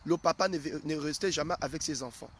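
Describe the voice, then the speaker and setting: A male prophet preaches a live sermon to his followers, addressing them directly and hammering his point with repeated questions. His voice is fairly high, quick, and a bit bright, with a little hiss or hum.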